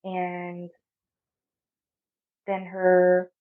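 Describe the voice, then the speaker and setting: A young woman in her twenties from Arizona, telling a personal story softly, with halting pauses. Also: fairly low pitch, monotone. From Arizona, USA. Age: 20s. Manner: soft, halting, with frequent pauses. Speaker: podcast guest. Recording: phone-like narrow sound.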